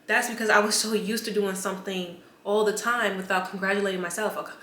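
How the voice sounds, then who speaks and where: Talking fairly quickly in a bright, forceful, mid-range voice with fairly even intonation, a twentysomething vlogger speaks openly to her camera. She's chatty and fills her speech with "like." Recorded on the camera mic, the sound is roomy with faint ambience and slight background noise.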